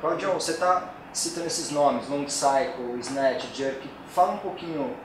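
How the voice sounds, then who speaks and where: A man's voice: on the high side, a little slow. A man interviewing a coach casually, mostly with short replies and prompts. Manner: brief backchannel replies. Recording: very echoey room, distant mic, noisy.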